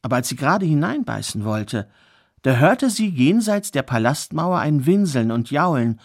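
A man's voice: on the high side, sing-song, normal speed. Man telling a fairy tale. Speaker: storyteller. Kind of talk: oral fairy tale storytelling.

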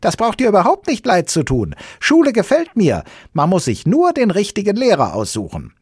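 A man's voice: huge pitch swings, normal speed, husky, no room sound, studio quality, exaggerated voice. A man voicing a cheeky little magical creature with a pig snout, reading a children's book aloud. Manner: shrill, loud, bold. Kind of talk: audiobook reading.

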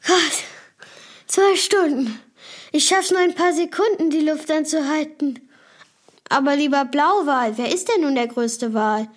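A woman's voice: high-pitched, unhurried. A woman playing a curious, easily amazed young questioner in a scripted children's audio feature, exclaiming and asking. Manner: exclaiming, inquisitive.

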